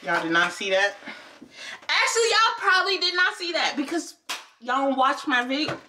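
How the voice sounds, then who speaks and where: A young woman chats to her viewers in a playful, rambling way, her voice bright and swinging widely in pitch. She laughs easily as she talks. The mic sits some distance away with faint noise underneath. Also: sing-song, normal speed. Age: young adult. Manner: talks with her eyes closed. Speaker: beauty vlogger. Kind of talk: casual chat to camera.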